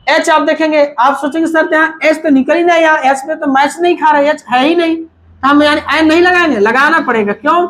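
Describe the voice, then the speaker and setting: High voice, male teacher, repeats each point as a question and answers it himself, a grammar lesson in mixed Hindi and English. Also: fairly bright tone. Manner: repetitive, asks and answers his own questions; mixes Hindi with English terms.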